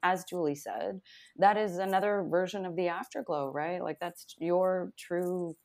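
A woman's voice: on the low side, fairly even intonation, a little slow, a little mellow. A woman who co-hosts a podcast, talking casually as a guest and laughing often between phrases. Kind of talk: casual conversation.

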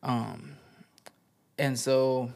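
A man in his thirties with a gravelly edge and a mid-range voice, speaking as a guest in a casual interview. He reflects loosely on his music background, pausing and restarting as he thinks. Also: medium pitch. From United States. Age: 30s. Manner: relaxed, reflective, with many fillers and restarts. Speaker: guest, rapper and poet.

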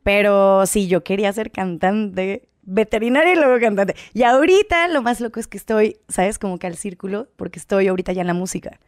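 A young woman with a Mexican accent chats casually as a guest youtuber, slangy and playful and laughing often. Her medium-pitched voice is a little fast with hardly any pauses, recorded in studio quality with no echo.

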